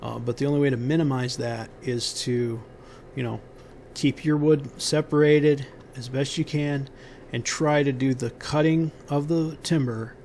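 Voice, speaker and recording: A man giving unscripted how-to instructions on a building site outdoors, pausing often with ums and restarting his sentences. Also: medium pitch, a little mellow, slight background noise. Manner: halting, many ums and restarts.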